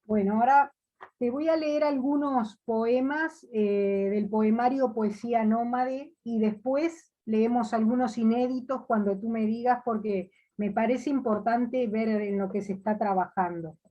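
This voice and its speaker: A woman poet from Uruguay, talking slowly with many pauses and fillers in a video call interview. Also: fairly high pitch, dark tone, muffled recording.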